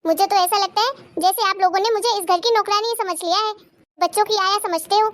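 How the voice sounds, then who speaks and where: In this cartoon voice acting, a woman plays the family's newly married young aunt, a bride grown bitter and harsh. Her high voice moves fairly quickly, sounding resentful, sharp-tongued and full of complaints.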